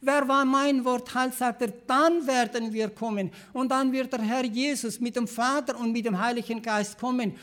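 A man with a Swabian accent preaching a sermon, earnest and repetitive, often restarting phrases and clearing his throat. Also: very high voice, steady tone, normal speed, hardly any pauses, a bit bright.

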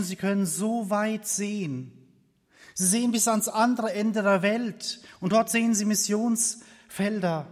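Earnest high-voiced German preacher in a hall. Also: male voice. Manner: earnest, repetitive phrasing, drops to near-whisper at times. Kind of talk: sermon. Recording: long reverb of a hall.

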